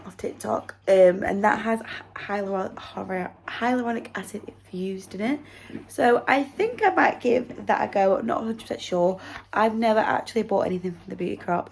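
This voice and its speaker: A young woman chats to her camera in a relaxed home vlog. Her voice sits a little low, and she rambles loosely, full of fillers. A slight sore throat and faint background noise come through. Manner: chatty, rambling, lots of "like" and "um". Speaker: vlogger. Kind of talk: casual vlog chat to camera.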